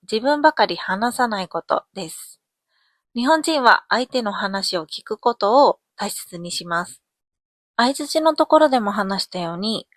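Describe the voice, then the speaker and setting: A young woman from Japan hosting a podcast lesson, explaining phrases gently and clearly with examples. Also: medium pitch, dry recording, studio quality. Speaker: Japanese teacher, podcast host.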